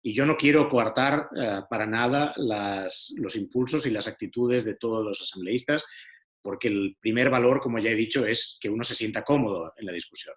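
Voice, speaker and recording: A man's voice: on the low side, moderate pace, a bit bright. A man giving an earnest online talk to a citizens' assembly, repeating himself with many fillers, over a video call. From Spain. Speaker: speaker on deliberative democracy.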